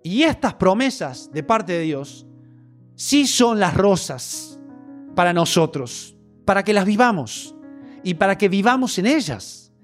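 A man's voice: high-pitched, sing-song, unhurried, faint music behind. A man with a Rioplatense Spanish accent preaching a sermon in an earnest, repetitive, story-driven way.

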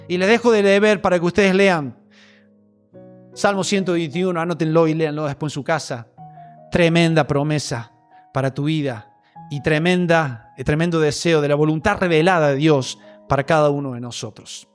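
A man's voice: fairly high pitch, moderate pace, clean tone, soft background music. A man with a Rioplatense Spanish accent preaching a sermon in an earnest, repetitive, story-driven way.

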